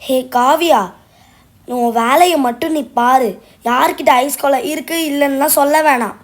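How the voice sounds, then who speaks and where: A woman voicing a sassy young girl in a doll-play story, complaining and quick with cutting remarks. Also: high voice.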